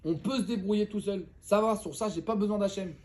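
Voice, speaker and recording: A man teaching a casual Torah lesson, telling a parable in an animated, slangy way and joking with his listeners. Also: high-pitched, fairly quick.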